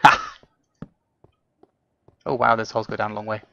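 Muffled audio carries a young man's fairly low, monotone voice, bright and forceful with vocal fry, at a moderate pace. He's a gaming commentator doing a casual let's play, rambling and chatty with frequent ums and self-talk directed at himself and viewers.

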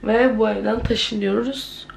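Chatty gravelly-voiced eighteen-year-old woman vlogging. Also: fairly high pitch, steady tone, unhurried, a little hiss or hum. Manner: chatty, dramatic storytelling with exclamations. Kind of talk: casual vlog chat to camera. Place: at home indoors.

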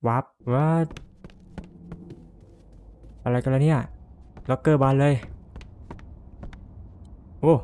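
A man's voice: mid-range voice, fairly even intonation, drawn-out words, pauses often, warm tone, slight background noise. A man playing a horror game and commenting as he goes, jumpy, cursing and laughing nervously. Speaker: gamer.

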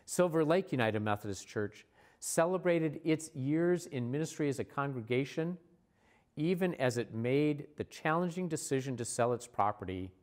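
A man, a church leader, giving a recorded sermon in a measured, earnest way, slowing down for repeated refrains. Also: on the high side, expressive, darkish tone.

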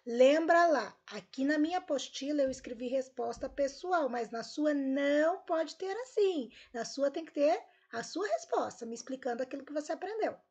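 A woman's voice: sits high, normal speed, few pauses. A woman teacher with a Brazilian Portuguese accent, going over homework answers with her pupils in an upbeat recorded lesson. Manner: upbeat, lively, talks straight to pupils.

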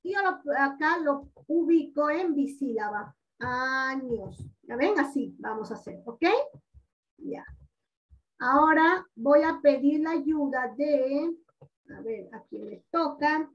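A woman teaching a primary school class over a video call, patient and coaxing, drawing out words slowly for the children. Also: high-pitched, animated. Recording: dull lo-fi audio, distant from mic.

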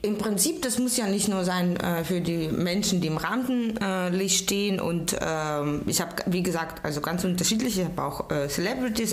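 A woman's voice: medium pitch, echoey room. Hesitant woman. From Ukraine. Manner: hesitant, many fillers, searching for words. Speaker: guest, stylist. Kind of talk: casual interview.

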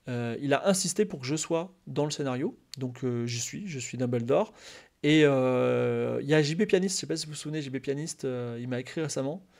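This medium-pitched man, his voice edged with vocal fry, addresses his stream chat in a loose, rambling way. He fills gaps, restarts sentences, and livens up when something excites him.

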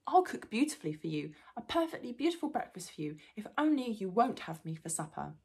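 A woman's voice: mid-range voice, very animated, a little fast, mellow, husky, voice pushed up. A woman voicing a small, frightened, polite male hobbit who stammers and pleads, in a storybook reading. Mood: pleading.

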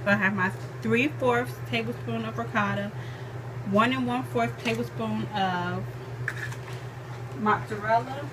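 A camera on the counter catches a cooking vlogger in her home kitchen as she casually explains a recipe one step at a time, thinking aloud and correcting herself. Her voice is a little high and unhurried, with long pauses and background noise.

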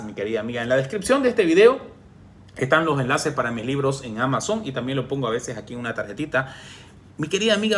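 A man's voice: on the high side, a little hiss or hum. Guy in his 40s doing a live relationship coaching stream, reads comments, talks straight, bit of a cough. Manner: warm direct advice, addresses viewers by name. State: coughing from reflux.

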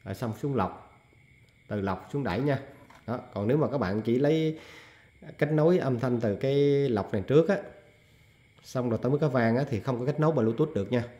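A man's voice: medium pitch, brisk, long pauses, dark tone, muffled recording. A man giving a casual hands-on tutorial, explaining step by step with many fillers. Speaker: audio equipment technician. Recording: echoey room.

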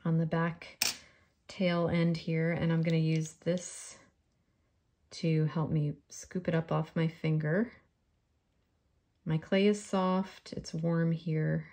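A woman's voice: sits low, warm tone. A woman with a faint New York accent giving a friendly step-by-step polymer clay crafting tutorial.

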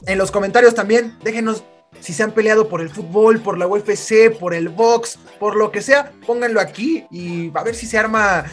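A man's voice: high voice, moderate pace, soft background music. A young man with a Mexican accent, co-hosting a podcast, telling stories in casual slang and acting out what people said. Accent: Mexican Spanish. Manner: slangy, laughing, acts out quotes loudly. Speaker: podcast co-host. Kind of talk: casual storytelling chat.

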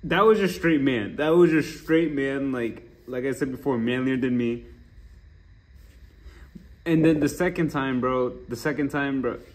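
Young man, reaction host, profane, joking, riled up, medium pitch. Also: a little slow. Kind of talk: casual reaction commentary.

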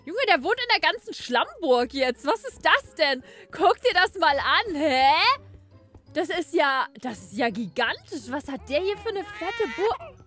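Excitable young woman with a high, bright voice. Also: soft background music. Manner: excitable, quick questions and exclamations. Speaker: YouTuber playing a Minecraft roleplay. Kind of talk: playful game roleplay chat.

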